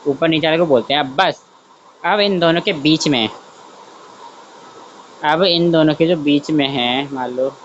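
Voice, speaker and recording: Guy teaching science online, kinda high voice, keeps saying ok ok, muffled lo-fi mic w faint hiss. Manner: chatty, repeats "theek hai" often, thinks aloud while drawing; self-correcting, asks students if they understood. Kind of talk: online class lesson.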